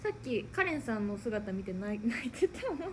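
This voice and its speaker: A young woman with a Kansai accent, chatting quickly and talkatively on a livestream and giggling often. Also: medium pitch, sing-song, darkish tone. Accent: Kansai Japanese. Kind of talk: casual livestream chat. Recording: clear background noise.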